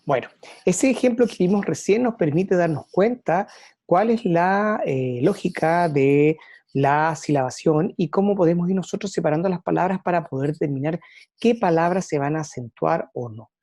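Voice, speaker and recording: A woman teacher lectures to her students, pausing often on fillers as she gathers her thoughts. Her voice sits a little low and sounds mellow. The recording is close and dry. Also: no room sound. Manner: thinking aloud with frequent "eh" fillers and restarts. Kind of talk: online class lecture.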